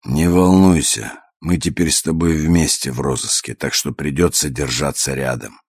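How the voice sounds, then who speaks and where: A man reading an audiobook, voicing a gruff, sullen, bitter young man. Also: extremely low pitch, fairly even intonation, moderate pace, no echo, clean studio sound. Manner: gruff, sullen, self-mocking. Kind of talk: audiobook character voice.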